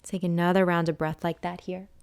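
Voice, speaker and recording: In a dry recording free of room echo, a woman who teaches yoga and meditation talks listeners through a body scan. Her lowish, very mellow voice has a clear, resonant tone and little pitch movement. She keeps things quiet and soothing, pausing at length between gentle directions.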